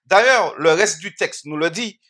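Slow, bright-voiced Bible teacher quizzing listeners. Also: medium pitch, expressive. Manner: asks the audience questions and repeats phrases, with frequent restarts. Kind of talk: interactive Bible study sermon.

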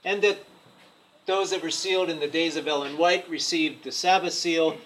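A man preaching a sermon in short phrases, pausing so an interpreter can translate each line. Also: fairly high pitch, steady tone, a bit bright, slight background noise, rough recording.

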